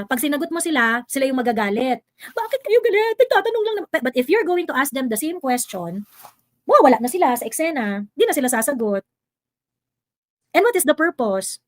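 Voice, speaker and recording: A woman's voice: high voice, no room sound. A woman hosting a livestream, confronting a commenter with sarcastic, heated commentary and switching between Tagalog and English. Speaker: livestream vlogger host.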